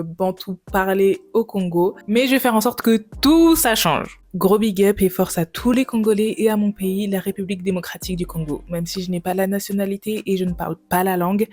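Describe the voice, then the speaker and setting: A woman's voice: mid-range voice, a little mellow. A woman in her late twenties from France, talking casually to camera in a vlog. She is chatty and playful and drops English words into her talk. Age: 20s. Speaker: YouTuber.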